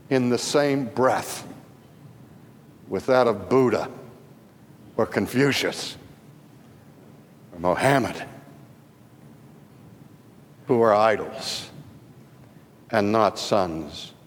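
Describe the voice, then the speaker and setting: Slow emphatic preacher in a reverberant hall. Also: male voice, medium pitch. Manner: storytelling preacher, slow and emphatic with dramatic pauses. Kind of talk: sermon. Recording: reverberant hall with faint ambience.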